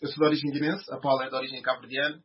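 A man's voice: medium pitch, level tone, very fast. Hesitant Portuguese man, muffled recording. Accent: European Portuguese. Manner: hesitant, many fillers and restarts. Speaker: guest, podcast host. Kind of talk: interview answers.

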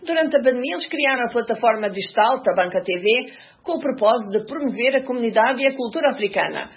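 A woman announcer reading a scripted radio introduction in a steady delivery. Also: fairly high pitch, fast talker. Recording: slightly muffled recording.

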